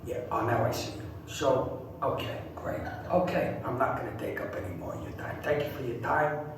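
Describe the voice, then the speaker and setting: A man's voice: medium pitch, steady tone, lightly acted. A man doing a bumbling rumpled detective. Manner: rambling, halting questions. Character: bumbling rumpled male police detective, folksy. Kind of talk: comic impression. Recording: distant echoey clip played in a room with noise.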